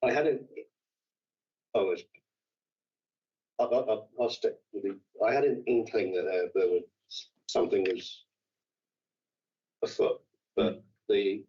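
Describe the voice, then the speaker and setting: A man with a very deep, husky voice gives halting testimony at a formal hearing. He stumbles and repeats words as he explains himself. The sound is dull and lo-fi. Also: darkish tone. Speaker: councillor under investigation. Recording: dull lo-fi meeting room audio.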